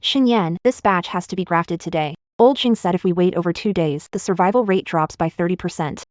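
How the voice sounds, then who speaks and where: An actress playing a shrewd young business partner who speaks briskly and practically in a dubbed drama. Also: female voice, lowish voice, dry recording, clean studio sound, natural voice.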